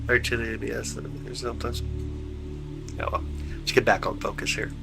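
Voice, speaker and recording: This livestream host of telescope views sounds gravelly and monotone, his medium-pitched voice stuffed up from congestion as he chats easily with viewers in slang. He talks at a moderate pace over music, and the audio is poor.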